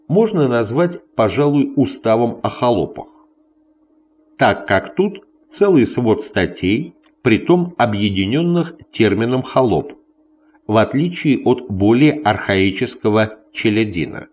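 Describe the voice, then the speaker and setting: Slow, deliberate man reading a scholarly text. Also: lowish voice, darkish tone. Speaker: audiobook reader. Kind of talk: scripted narration of a scholarly history text.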